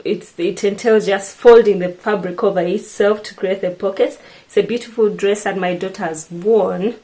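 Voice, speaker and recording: A woman's voice: fairly low pitch, a little mellow, poor audio. A middle-aged woman from Uganda with a Ugandan accent, chatting to camera about her sewing and often restarting her sentences. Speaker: sewing vlogger. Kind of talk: casual chat to camera.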